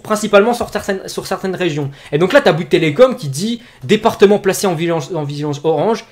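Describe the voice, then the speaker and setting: A young man hosting a casual comedy commentary, reading tweets aloud in a slangy, animated way. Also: high voice. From France. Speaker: youtuber host.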